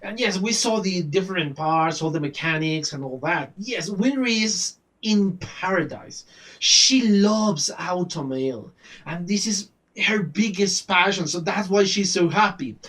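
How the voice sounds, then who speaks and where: A man hosting an anime reaction video, recapping the episode in a chatty, animated way with frequent "uh" fillers. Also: high voice, measured pace, distant mic.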